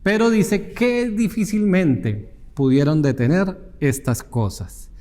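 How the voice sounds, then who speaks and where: A man's voice: mid-range voice, a little mellow, long reverb tail. A man preaching a sermon in an earnest teaching tone, asking the congregation rhetorical questions.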